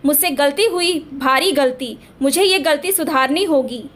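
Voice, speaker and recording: A woman's voice: sits high, normal speed, a bit bright. A woman voicing a young daughter-in-law who becomes a proud officer, speaking with strong emotion. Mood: remorseful. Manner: emotional, pleading at times.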